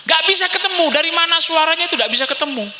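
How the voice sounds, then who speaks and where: A man preaching a lively, story-driven sermon to a live congregation. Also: very high-pitched, fast, slight background noise. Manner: storytelling, animated, mixing in regional words. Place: large hall with a live congregation. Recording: echoey hall, faint ambience.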